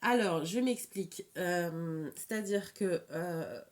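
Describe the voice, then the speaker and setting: Speaking on the low side, an oracle reader offers a casual, off-the-cuff card reading. Her s sounds are slushy from a slight lisp, and she stumbles, repeating and rewording as she goes.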